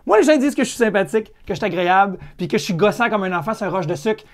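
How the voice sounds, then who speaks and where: A man's voice: sits high, lively intonation, racing. A man with a Quebec French accent hosting a comedic podcast, chatty and irreverent, swearing casually with lots of fillers and restarts. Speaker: podcast host.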